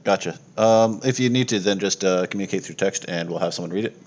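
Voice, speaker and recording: Talking fast in a low, darkish voice, a man runs a tabletop game as game master over an online voice call. His narration is casual and full of swearing, and the home voice-chat audio is noisy.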